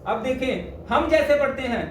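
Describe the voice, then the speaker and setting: A man teaching the correct pronunciation of Quran letters, speaking slowly and deliberately and repeating each sound to demonstrate it. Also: very high-pitched, animated, slight background noise. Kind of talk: spoken lesson on letter pronunciation. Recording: echoey room, voice far from mic.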